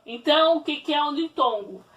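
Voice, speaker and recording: A woman teaching grammar in a high voice that swings up and down a lot. She stretches out key words slowly as she explains. The mic sits a bit back from her. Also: animated, recorded from a distance. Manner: slow, spelled-out explaining. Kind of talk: online grammar lesson.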